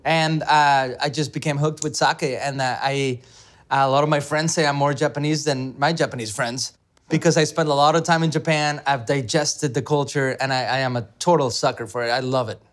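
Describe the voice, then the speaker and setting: A man's voice: medium pitch, fairly even intonation, moderate pace, a bit bright. A middle-aged man from Mexico, a beverage director, talking enthusiastically in an interview with many fillers and restarts. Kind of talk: conversational interview.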